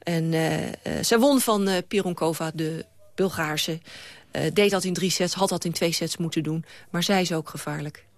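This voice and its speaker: A woman's voice: fairly low pitch, moderate pace, dry recording. A woman giving expert tennis analysis on the radio in a knowledgeable, matter-of-fact way.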